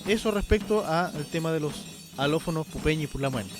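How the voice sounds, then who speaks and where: A man, his voice sitting a little high for a man, teaches on a radio program. He explains in an unhurried way and keeps pausing to check in with the listener. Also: expressive. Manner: unhurried, checks in with frequent "¿ya?" and "¿cierto?". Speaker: radio host teaching the language.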